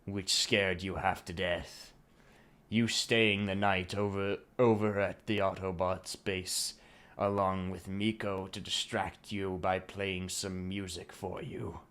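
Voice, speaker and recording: Male co-host, low unhurried voice, halting comedic reader, light noise on the track. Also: sharp tone. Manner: reads haltingly with restarts, swears, breaks into laughter. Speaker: co-host reading fan fiction. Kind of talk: comedic dramatic reading.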